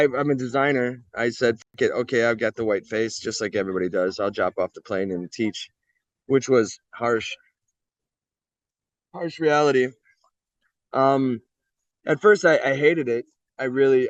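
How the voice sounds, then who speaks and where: A man's voice: medium pitch, no echo. Blunt American man, dull dry recording. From United States. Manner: blunt, candid, swears freely. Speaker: interview guest. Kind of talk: casual interview storytelling.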